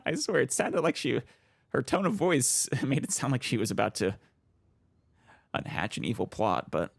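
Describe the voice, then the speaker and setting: Very low, creaky woman commentating. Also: very animated, moderate pace, dry recording, studio quality. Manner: musing aloud, reactive. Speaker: let's player. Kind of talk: casual gameplay commentary.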